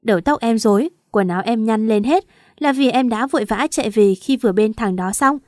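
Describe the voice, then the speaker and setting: A woman's voice: on the high side, brisk, darkish tone, no echo, clean studio sound. A woman narrating a first-person romance story aloud, acting out the quarrels and tears in the dialogue. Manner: emotional, voices the quarrels and crying. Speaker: audiobook narrator.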